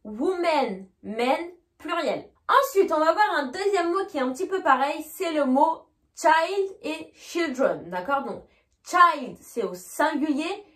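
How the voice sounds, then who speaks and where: A woman teaching an English grammar lesson, explaining clearly and repeating points, slowing down on each example sentence. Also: high voice, expressive, a bit bright, echoey room.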